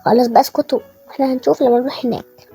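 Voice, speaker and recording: A woman with an Egyptian Arabic accent voicing a fussy, scolding mother in a toy-game story, with a high, husky, mellow voice. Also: steady tone, racing, soft background music. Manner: nagging, exasperated. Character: fussy, scolding mother waking her kids.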